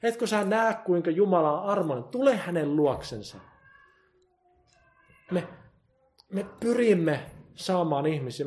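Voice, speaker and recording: A man preaching with a voice pitched a little above most men's. He swings from loud, pressing emphasis to hushed, intense appeals. He voices God's words in the first person as he goes. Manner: quotes God in first person. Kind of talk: sermon.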